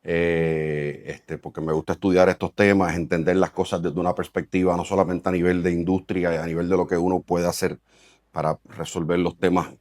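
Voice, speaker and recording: A middle-aged real estate developer and company president from Puerto Rico, speaking with a Puerto Rican Spanish accent, answers interview questions thoughtfully but with many fillers and restarts. His low, slightly mellow voice moves little in pitch at a normal speed, captured as clean studio sound without echo.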